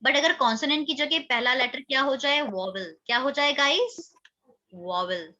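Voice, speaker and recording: A woman's voice: high voice, normal speed, sharp tone, dull audio. A woman teaching an English grammar lesson, questioning her students and repeating their answers.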